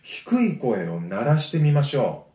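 A man teaching a voice lesson. He gives friendly, encouraging explanations and breaks them up with sustained low sung vowels. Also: sing-song, a little slow, mellow. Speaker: voice trainer. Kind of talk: vocal lesson. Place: home. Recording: roomy echo.

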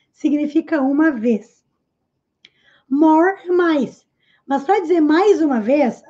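A Portuguese-speaking woman teaching English in a live lesson, explaining phrases and repeating them slowly. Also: high-pitched, dark tone, muffled recording.

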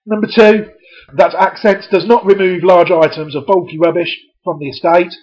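A man's voice: high-pitched, fairly even intonation, moderate pace, a little mellow. A man presenting for a community media channel, reading a letter aloud and breaking in with sarcastic, scoffing asides. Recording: dull lo-fi recording.

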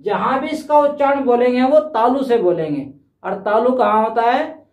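A male teacher giving a patient classroom-style grammar lesson. He repeats his points, checks in after each step, and sounds out examples slowly. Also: very high-pitched. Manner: demonstrates sounds aloud slowly. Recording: echoey room, mic set at a distance.

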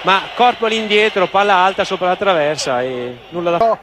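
A man's voice: sits high, brisk. A man with an Italian accent analysing play in an explanatory way as a football co-commentator. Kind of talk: live tactical match analysis. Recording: loud stadium crowd noise behind. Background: football stadium crowd.

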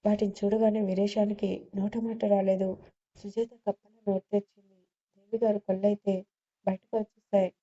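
Woman narrating a story in a dark, flat voice. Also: mid-range voice, moderate pace. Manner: reads every character in the same even voice. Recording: dull lo-fi recording.

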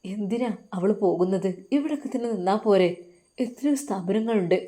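A woman voicing a troubled young man quietly reproaching himself. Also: medium pitch, lively intonation, moderate pace, lightly acted. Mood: brooding. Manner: brooding self-reproach.

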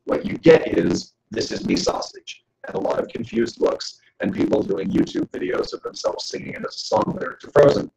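A man giving a joking, animated lecture to an audience as a guest speaker. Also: a little high, brisk, gravelly, hardly any pauses, reverberant, poor audio. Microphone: camera.

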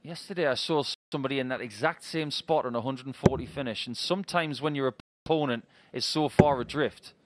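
A man's voice: mid-range voice, brisk, few pauses. A middle-aged man co-commentating on darts, mixing chatty analysis with banter. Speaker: sports co-commentator. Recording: clear background noise from the venue.

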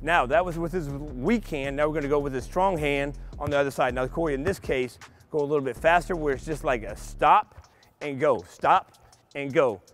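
A middle-aged male coach talks young players through ball-handling drills, patient and clear, step by step. His voice sits a little high for a man. Soft music runs faintly underneath. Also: normal speed. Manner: patient step-by-step explaining to kids. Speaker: basketball coach. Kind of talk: instructional clinic demonstration. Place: large empty indoor basketball arena.

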